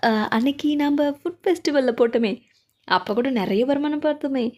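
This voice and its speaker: A woman's voice: sits high, normal speed, close to an everyday voice. A woman voicing a wheedling, dramatic young sister.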